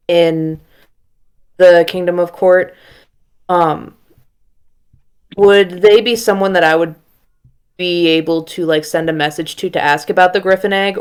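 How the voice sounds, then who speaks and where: Slow, smooth-voiced woman player. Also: lowish voice. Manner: hesitant, thinking aloud. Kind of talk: casual tabletop play.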